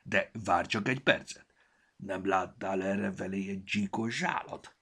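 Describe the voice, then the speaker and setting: A man's voice: sits low, creaky, a bit bright, slightly rough, full character voice. A man voicing a small gnome with a cold, talking through a stuffed-up nose and sometimes grumbling. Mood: grumbly stuffy. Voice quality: stuffy nose, blocked consonants. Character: sniffly little gnome with a cold.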